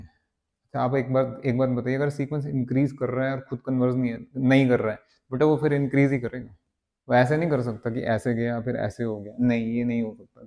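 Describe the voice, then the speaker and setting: A man's voice: mid-range voice, darkish tone. A man teaching maths for an entrance exam, coaxing his students and repeating words for emphasis, with English phrases mixed in. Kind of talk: exam-prep maths lecture.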